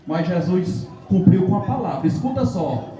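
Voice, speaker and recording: Middle-aged man, high voice, fervent church testimony, booming hall heard from far off. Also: very animated, normal speed, dark tone. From Northeast Brazil. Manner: fervent storytelling, acting out dialogue, rising to exclamations. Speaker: police officer giving testimony. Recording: echoey hall mic from far off with congregation.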